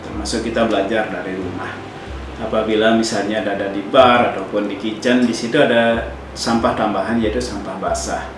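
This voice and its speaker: A man's voice: on the low side, background noise. A man gives an earnest, motivational instructional talk to students, exhorting them with repetitive phrasing. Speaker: tourism speaker addressing hospitality students. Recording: very echoey, distant mic, music behind. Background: background music.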